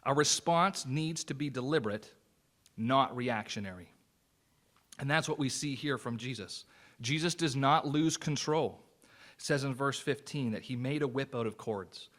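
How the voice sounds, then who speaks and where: A man's voice: mid-range voice, normal speed, fairly bright tone. Earnest male pastor preaching. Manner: earnest, conversational preaching with personal anecdotes. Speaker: associate pastor. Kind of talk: sermon.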